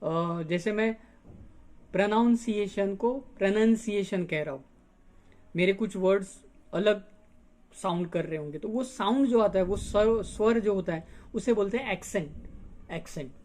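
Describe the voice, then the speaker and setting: A male English teacher gives a bilingual lesson on a story, reading its English lines aloud slowly and then explaining the words in Hindi. His voice is high and a little mellow.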